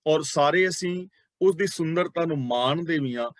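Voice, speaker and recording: A man teaching a religious class, explaining sacred terms slowly and speaking directly to his listeners, often repeating key words. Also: a little high, no echo. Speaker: Sikh scripture teacher.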